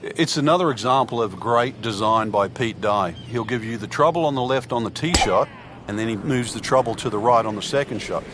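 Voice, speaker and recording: A man's voice: medium pitch, fairly quick, noisy background, lightly acted. A man working as a golf analyst in a video game, explaining play in an easygoing, conversational commentary style. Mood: easygoing, analytical.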